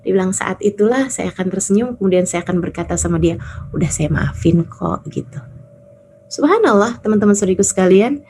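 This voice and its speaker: A woman's voice: mid-range voice, lively intonation, quick pace, mellow, slight background noise. A woman preacher giving a casual religious talk, telling stories in a chatty, colloquial way and acting out the voices she quotes. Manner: colloquial, addresses listeners directly. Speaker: Islamic preacher.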